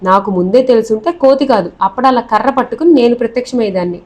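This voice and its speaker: A woman's voice: fairly high pitch, quick pace, close to an everyday voice. A woman reading as a feisty young bride. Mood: defiant. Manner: sharp, sarcastic, defiant.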